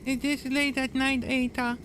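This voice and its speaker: A man's voice: very high-pitched, flat delivery, measured pace, fairly bright tone, a little hiss or hum, voice pushed up. A man doing a woman's voice, putting on a small, polite little girl in an amateur reading of a visual novel game. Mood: polite, matter-of-fact.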